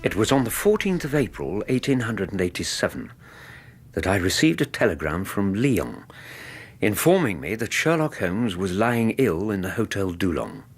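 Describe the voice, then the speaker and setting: An English actor playing a loyal, caring doctor in a radio drama, measured and gentle in narration and dialogue. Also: male voice, fairly low pitch, big pitch swings, breathy edge, full character voice. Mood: grave, reflective.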